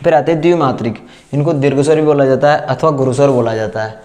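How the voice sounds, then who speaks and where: A man teaching a class, repeating terms slowly and asking and answering his own questions as he writes them down. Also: mid-range voice, darkish tone. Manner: dictates as he writes. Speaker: Hindi teacher. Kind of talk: classroom lesson at a board.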